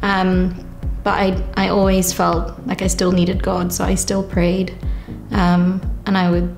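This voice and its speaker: A young woman shares her faith story in a soft, lower, gravelly voice. She speaks in a reflective, unhurried way, pausing often. Her delivery stays fairly even in pitch, with faint music underneath. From Kenya. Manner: reflective, unhurried, with frequent pauses. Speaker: church member giving testimony. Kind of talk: personal testimony.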